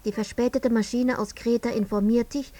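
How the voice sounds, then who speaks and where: An actress playing a relentless narrator who questions in measured, accusing second-person lines, in a radio drama. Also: female voice, on the high side, steady tone, mellow, slight background noise, natural voice. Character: woman narrator-interrogator, cool and relentless.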